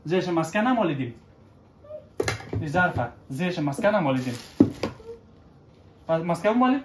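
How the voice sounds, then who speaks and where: In an echoey home kitchen, a father patiently coaxes his child through baking, often pausing for short check-in questions. His voice is a little high with big pitch swings, and there's heavy background noise in this casual teaching chat.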